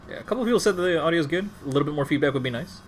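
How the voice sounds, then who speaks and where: A man hosting a fighting game stream, chatting casually and teasing his co-host in a relaxed way. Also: a little high, rapid-fire, soft background music. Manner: relaxed, teasing, laughs easily.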